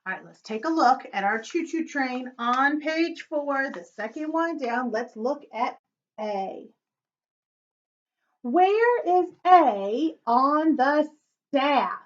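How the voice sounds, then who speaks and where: A woman's voice: high-pitched, lively intonation, takes it slowly, lo-fi sound. A woman teaching children a recorder lesson, encouraging them and chanting rhythms aloud. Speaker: music teacher.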